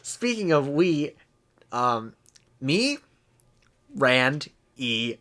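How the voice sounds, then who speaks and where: A man co-hosting a podcast in casual chat, answering in a dry, deadpan way with short replies. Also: a little high, measured pace. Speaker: podcast co-host.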